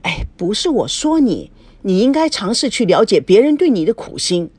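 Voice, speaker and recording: A woman voicing an earnest young friend in an audiobook, gently reasoning. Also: mid-range voice, very animated, moderate pace, breathy edge, no room sound.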